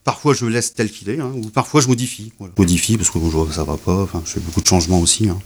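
Middle-aged male poet guest, low-pitched, halting and repetitive delivery. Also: a little mellow, slight background noise. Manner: hesitant, repeats words, many fillers. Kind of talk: casual interview talk.

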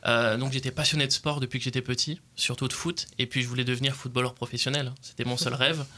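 A young man with a bright, crisp tone speaks in an even, nearly flat line. He is an interview guest describing his own path, pausing on fillers often. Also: medium pitch. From Portugal. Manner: hesitant, many fillers. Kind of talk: studio interview.

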